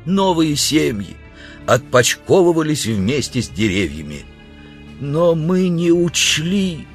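A man's voice: a little high, very animated, soft background music, voice pushed up, exaggerated voice. A man doing a moaning, dying stranger. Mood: lamenting. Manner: groaning, slow.

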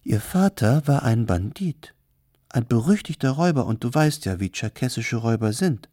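A man's voice: mid-range voice, animated, moderate pace, dark tone, dry recording, studio quality, voice pushed up, close to an everyday voice. A man voicing a fawning, gossipy matchmaker. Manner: fawning, wheedling.

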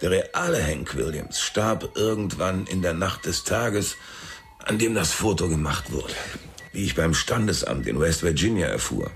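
Man, radio drama narrator, very low voice, dry delivery, hiss behind. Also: animated, unhurried. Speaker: narrator and detective.

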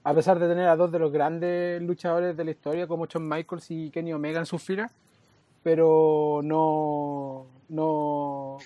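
A man's voice: a little high, level tone, a little slow, no echo, lo-fi sound. A man with a Chilean accent co-hosting a casual wrestling podcast, teasing and knowing in tone. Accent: Chilean Spanish. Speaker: podcast co-host.

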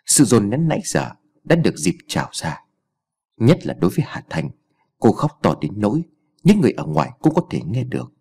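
A man narrating an audiobook story in an expressive storytelling manner. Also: mid-range voice, gravelly, husky.

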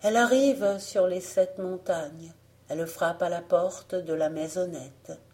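Slow, mellow woman reading a fairy tale. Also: fairly low pitch. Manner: slow, deliberate storytelling. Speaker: audiobook reader. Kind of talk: scripted fairy tale narration.

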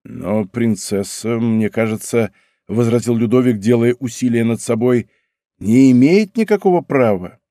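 A man voicing a gallant young king, speaking in soft, tender tones in an audiobook reading. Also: mid-range voice, normal speed, no echo, clean studio sound, close to an everyday voice. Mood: guarded. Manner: soft, tender murmurs turning firm.

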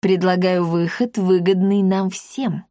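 A woman voicing a calm, sly male gendarme who speaks softly and coaxingly. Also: fairly low pitch, no echo, clean studio sound. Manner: slow, soft and coaxing.

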